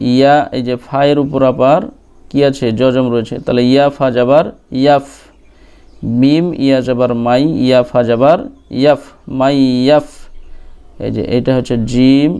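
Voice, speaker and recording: A man teaching recitation, spelling out syllables one by one and repeating each word slowly. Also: mid-range voice, mellow, clean tone. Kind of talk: letter-by-letter recitation lesson.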